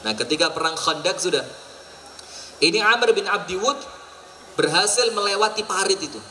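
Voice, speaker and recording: East Javanese male preacher, high and bright, animated storytelling sermon, mic a bit distant, light crowd ambience. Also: normal speed, slight background noise. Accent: East Javanese Indonesian. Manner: lively storyteller acting out characters, mixing in local slang and Arabic. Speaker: Islamic preacher. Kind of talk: storytelling sermon at a public event. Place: outdoor food festival stage.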